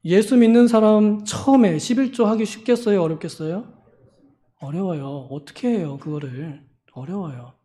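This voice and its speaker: A male preacher with a Seoul Korean accent giving a lively sermon in a church, acting out scolding voices with sudden loud outbursts. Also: high voice, normal speed. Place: church sanctuary.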